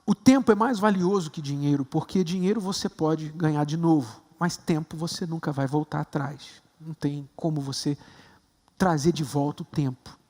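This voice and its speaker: A man with a Brazilian Portuguese accent, a bishop preaching a sermon with emphatic rises to stressed high points. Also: moderate pace, a little mellow, long reverb tail. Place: large temple hall.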